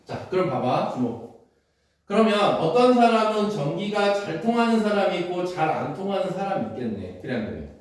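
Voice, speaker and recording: A man lectures a classroom of students on an English exam passage, his fairly high voice swinging lively up and down. He keeps checking that they follow and slips between polite and casual speech. He sounds set back from the mic, with heavy room echo around him. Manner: keeps checking understanding with quick questions. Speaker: English teacher. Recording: very echoey room from a distance.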